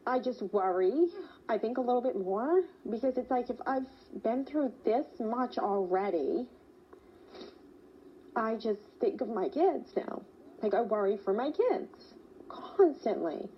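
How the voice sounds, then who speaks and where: Soft-spoken woman interviewee. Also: a little high, lively intonation, unhurried. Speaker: interviewee, wife. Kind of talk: interview answers. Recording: dull lo-fi sound, faint hiss.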